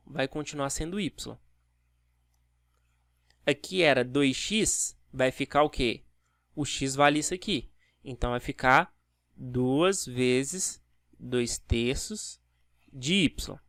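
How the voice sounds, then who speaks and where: A man teaches a video math lesson in a voice pitched a little high. He walks through each step and asks the viewer rhetorical questions as he goes. The sound is dry and close, with almost no room reflection. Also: fairly bright tone, no room sound.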